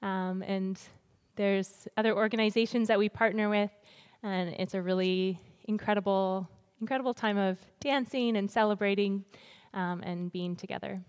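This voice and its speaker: A woman's voice: medium pitch, fairly even intonation, moderate pace, few pauses, clear, resonant tone. A woman guest speaker addressing a church congregation in an informal way. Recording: reverberant hall sound.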